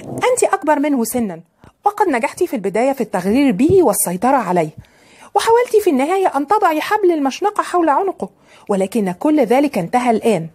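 A woman voicing a defiant young woman of about twenty who talks in a shrill, taunting way, in an audiobook. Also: sing-song, fast talker, darkish tone.

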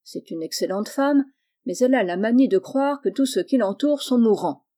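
A woman reading the part of a kindly middle-aged uncle and doctor, speaking in a gentle, reassuring way. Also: a little high, animated, normal speed. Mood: tender.

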